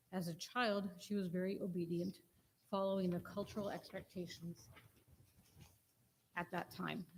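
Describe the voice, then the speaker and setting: Halting older woman, lowish voice, some noise. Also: a little mellow, poor audio. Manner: halting, personal asides. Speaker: family member giving a eulogy. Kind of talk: informal funeral eulogy. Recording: noticeable background noise.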